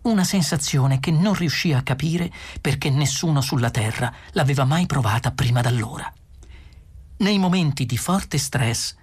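A man reading a novel aloud as an audiobook narrator, in steady, measured storytelling. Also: fairly high pitch, breathy edge. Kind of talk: scripted narration.

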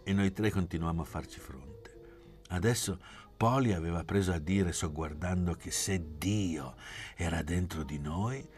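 A man reading a literary audiobook in a measured, hushed narration. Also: low voice, faint music behind. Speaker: audiobook reader.

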